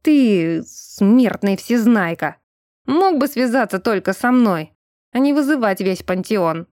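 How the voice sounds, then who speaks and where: A woman's voice: medium pitch, animated, a little slow, a little mellow, no echo, clean studio sound. A woman voicing a sly, sarcastic male fox deity who drawls and grumbles mockingly in an audiobook. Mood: lofty. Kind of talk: audiobook character voice.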